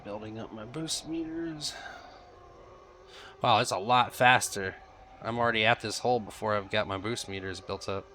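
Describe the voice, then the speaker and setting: A man's voice: lowish voice, normal speed, pushed and bright, a little hiss or hum. A man with a stuffed-up voice from a cold, casually thinking aloud as he comments on his gameplay. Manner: musing, thinking aloud while flying.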